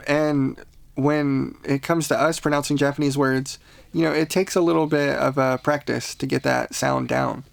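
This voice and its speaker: Man, gravelly voice, dry close recording, patient podcast teacher, laughs often. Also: medium pitch, fairly even intonation, moderate pace, no room sound. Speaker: language teacher. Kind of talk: casual podcast lesson.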